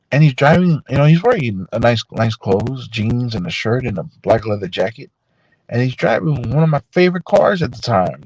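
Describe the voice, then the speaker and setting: A man telling a personal story on a live stream in a rambling, unhurried way, full of fillers and restarts. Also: medium pitch, vocal fry, a little mellow, husky, no echo, rough recording.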